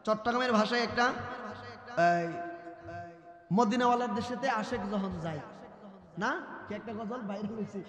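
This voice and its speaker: A man preaching a waz sermon to a large gathering, talking to the crowd and slipping into slow chanted song. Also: extremely high pitch, fairly bright tone, roomy sound, big-room sound. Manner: chanted sermon delivery, breaks into sung English ghazal.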